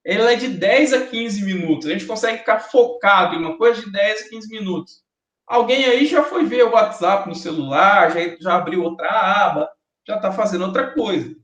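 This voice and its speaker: A man's voice: high voice, normal speed, fairly bright tone. A man with a Brazilian Portuguese accent giving a university classroom lecture, chatty and joking with students. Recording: echoey classroom recording.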